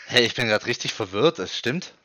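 A young man, co-hosting a casual chat and telling lively stories with acted-out voices. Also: medium pitch, fairly quick, dry recording. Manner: animated storyteller, acts out quoted voices. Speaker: podcast co-host.

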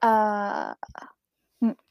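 A woman's voice: medium pitch, wildly swooping pitch, drawn-out words, creaky, a little mellow, no room sound, clean studio sound. A young British woman co-hosting a casual podcast chat, giggling and breaking off mid-word. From Britain. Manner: giggly, trails off and restarts words. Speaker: podcast co-host.

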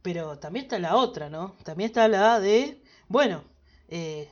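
A man's voice: high voice, animated, measured pace, muffled recording. Rambling Uruguayan man hosting a podcast. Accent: Uruguayan Spanish. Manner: rambling, tags sentences with "¿no?". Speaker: podcast host. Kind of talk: casual solo podcast monologue.

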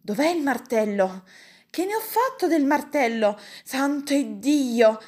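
A woman's voice: mid-range voice, sing-song, unhurried. A woman voicing a fussy, bossy middle-aged uncle who barks orders at his household in a storybook reading. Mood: exasperated. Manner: loud, raised, exasperated barking of orders. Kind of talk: audiobook character voice.

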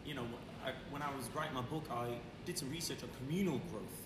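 A man co-hosting a motivational podcast, conversational, posing rhetorical questions and repeating his phrasing. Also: fast. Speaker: podcast co-host. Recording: echoey, distant mic with background rumble.

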